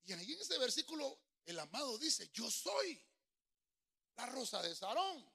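Male pastor, middle-aged, bright, sharp tone, lively sermon delivery in a church. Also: very high voice, measured pace, gravelly, husky. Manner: sings choruses, addresses listeners as brother.

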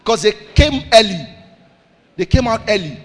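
A pastor preaching a sermon, calling out questions for the congregation to answer and repeating key lines, swinging between loud declarations and soft asides. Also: male voice, high-pitched, very animated, normal speed, long reverb tail.

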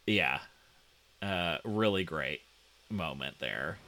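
Slow, halting man with a bright voice. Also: low-pitched, animated. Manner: slow, hesitant, many fillers. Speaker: podcast co-host. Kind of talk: casual chat reviewing a TV episode.

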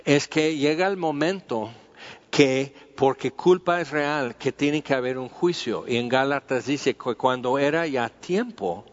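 A man teaches a Bible passage in an unhurried, conversational way, circling back and using plenty of fillers. His voice sits at a middle pitch. The recording is muffled and lo-fi, with a long reverb from a hall. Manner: informal, repeating himself and using many fillers. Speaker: preacher.

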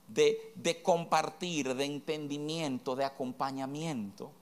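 A preacher with a slightly high voice gives a heartfelt Bible talk. He speaks straight to one listener and keeps asking rhetorical questions. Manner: earnest, direct, addresses listener as "tú", rhetorical questions.

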